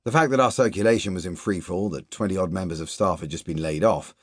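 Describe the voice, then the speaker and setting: This is a man's first-person audiobook reading of a literary novel, steady and measured, with quiet asides slipped into the dialogue. His voice sits low, and the recording is dry.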